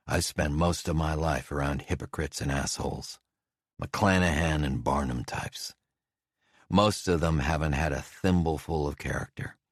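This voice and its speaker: A man voicing a gruff, reclusive male falconer who speaks bluntly and low in an audiobook. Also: measured pace, dry recording, studio quality. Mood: earnest.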